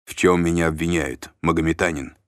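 A man's voice: low voice, fairly even intonation, brisk, a bit bright, no room sound, studio quality. A man reading as a cold, fearless warrior. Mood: cold, mocking. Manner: cool, curt, dryly mocking. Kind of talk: audiobook character reading.

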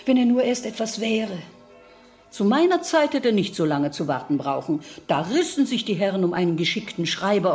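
An actress playing a pious older mother who talks of faith and gently admonishes her children, in a classic radio play. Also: mid-range voice, close to an everyday voice. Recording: radio drama with faint music.

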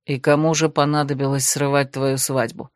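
A woman voicing a stern, aloof young male necromancer in an audiobook, speaking calmly and with restraint. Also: sits low, normal speed, no room sound, studio quality, pitched below the performer's own voice, natural voice. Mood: restrained.

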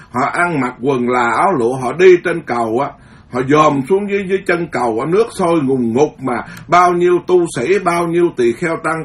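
A man's voice: a little high, a bit bright. A man, a Buddhist monk giving a dharma lecture in an emphatic, repetitive way, often restarting his words.

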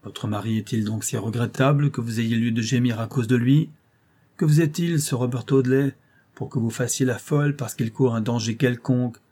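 A man's voice: mid-range voice, normal speed, warm tone, close to an everyday voice. A man voicing a proud, cold noblewoman who speaks in dry, hard, contemptuous commands, reading a classic novel aloud. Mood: scornful.

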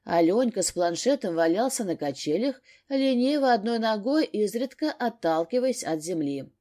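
Woman narrating an audiobook, mellow warm voice, steady. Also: mid-range voice, moderate pace. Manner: steady storytelling.

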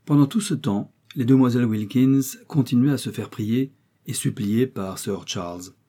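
A man reading a classic novel aloud as audiobook narrator, in a measured, even way. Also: medium pitch. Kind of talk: scripted literary narration.

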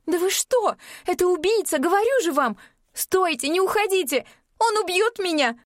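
A woman reading an audiobook voices a terrified young woman who stammers and shrieks in high panicked cries. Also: lively intonation, moderate pace, no room sound, clean studio sound.

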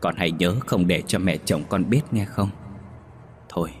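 A man voicing the gentle ghost of a mother guiding her daughter. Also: low voice, moderate pace, soft background music, lightly acted. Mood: tender.

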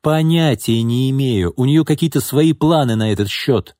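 A man voicing a drunken, pushy middle-aged businessman in an audiobook, needling, bitter and rising into angry shouts. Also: mid-range voice, moderate pace, dry recording, clean studio sound, voice pushed up, natural voice. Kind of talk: audiobook character reading.

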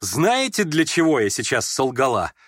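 A man's voice: medium pitch, wildly swooping pitch, moderate pace, husky, dry recording, clean studio sound, pitched above the performer's own voice. A man reading an audiobook, voicing a proud, impulsive young woman who flares up and then turns shy. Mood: confiding. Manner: sharp, flustered, switching between scorn and shyness.

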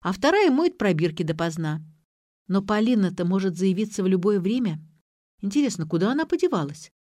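A woman voicing a bossy, quick-tempered young woman who gives emphatic orders, in an audiobook. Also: medium pitch, very animated, a little mellow, no echo, clean studio sound, natural voice. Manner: emphatic, commanding.

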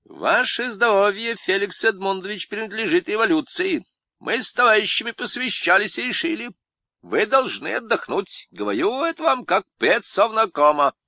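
A man voicing a convict who plays Lenin in an amateur stage show, with a sly, drawn-out, sing-song delivery. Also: high voice, lively intonation, pushed and bright, no room sound, voice pushed up, full character voice. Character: a convict acting as Lenin, sly, burring, middle-aged man.

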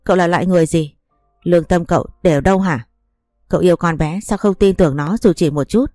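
A woman's voice: on the low side, fast talker, dry recording, soft background music, close to an everyday voice. A woman reading the lines of an enraged older woman accusing her former son-in-law. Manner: shouting accusations.

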